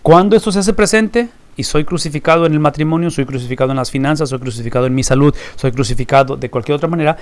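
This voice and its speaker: A man's voice: a little high, fast talker, hardly any pauses. A man teaching a recorded Bible class, emphatic and fond of rhetorical questions he answers himself.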